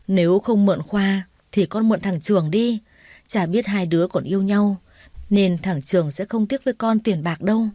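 A woman's voice: mid-range voice, normal speed, warm tone, no room sound, studio quality, lightly acted. A woman voicing a weak, remorseful older father who speaks in a sighing, pleading tone in a storybook reading.

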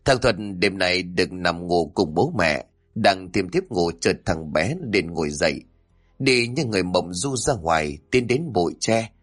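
Man, horror storyteller, husky voice, lively pitch, low register.

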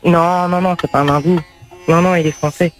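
A man doing a halting young daughter. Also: a little high, steady tone, faint music behind, close to an everyday voice. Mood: hesitant. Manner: hesitant, halting with many fillers. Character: young woman daughter, hesitant, running off. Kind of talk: radio prank call.

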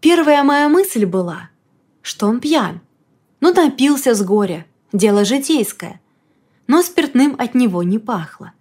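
A woman reading a first-person novel aloud in a lively, expressive storytelling manner. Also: fairly high pitch, measured pace. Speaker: audiobook reader. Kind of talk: first-person audiobook narration.

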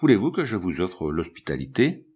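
A man voicing an irritable, nervous old scientist in an audiobook, husky and fussy in manner. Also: low voice, very animated, fairly quick, a little mellow, pitched below the performer's own voice, full character voice. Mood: explaining.

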